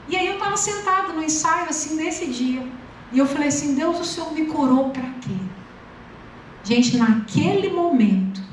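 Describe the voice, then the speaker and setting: A woman preaching a sermon and telling a personal testimony in a lively, humorous way to a congregation. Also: high-pitched, a little hiss or hum. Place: church hall. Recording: echoey hall, distant mic.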